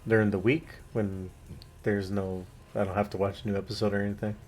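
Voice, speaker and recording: A man co-hosting a casual podcast chat, giving relaxed, brief replies. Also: fairly low pitch, brisk. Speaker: podcast co-host.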